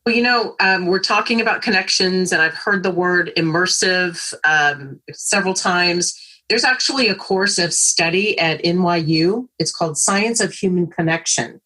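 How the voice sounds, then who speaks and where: A woman's voice: lowish voice, normal speed, pushed and bright. A woman hosting an interview on a video call, encouraging her guests and reading out a passage. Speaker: host.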